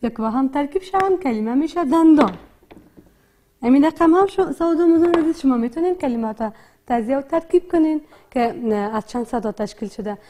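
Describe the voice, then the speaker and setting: A woman with an Afghan Dari accent teaches young learners to read. She has a high, soft, mellow voice. She breaks every word into its sounds and repeats each one patiently. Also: animated. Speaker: primary school teacher. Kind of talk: slow, repetitive literacy lesson.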